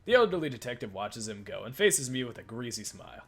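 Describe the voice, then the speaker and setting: A man's voice: medium pitch, big pitch swings, quick pace, vocal fry, a bit bright, breathy edge. A man hosting a let's play, reading a visual novel aloud with sarcastic asides and frequent laughter.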